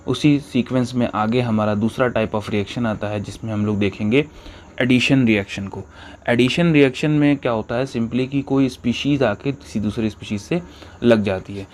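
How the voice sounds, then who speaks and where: A man's voice: medium pitch, moderate pace, a little mellow, a little hiss or hum. A male chemistry teacher giving an explanatory lesson, asking rhetorical questions, repeating key terms and checking in often.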